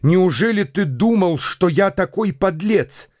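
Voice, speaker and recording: Male narrator for a first-person radio drama: slightly high voice, very slow pace, agitated in the dialogue, recorded in a dry studio. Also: expressive, a little mellow, no echo.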